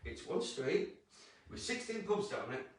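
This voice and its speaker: Sardonic man doing stand-up, lively pitch. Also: a little slow. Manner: sardonic, self-mocking, laughs between lines. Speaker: stand-up comedian. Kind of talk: live stand-up set. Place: comedy club stage. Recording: echoey club, distant mic, crowd noise. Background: audience laughter.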